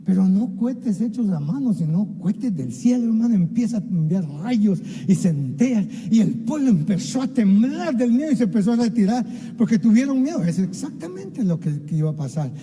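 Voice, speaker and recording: An impassioned man preaching a sermon with a deep, mellow, warm tone pitched slightly high. He calls out to the congregation and acts out scripture scenes. His voice rings with the long reverb of a church hall. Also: sing-song, normal speed, hardly any pauses. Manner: impassioned, keeps addressing listeners as "hermano"; acts out biblical dialogue. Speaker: pastor. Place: church sanctuary.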